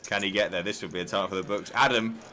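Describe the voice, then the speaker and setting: A man's voice: low voice, flat delivery, rapid-fire, heavy background noise. A man giving live, casual commentary on a poker tournament as one of the commentators. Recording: crowd murmur behind the voice.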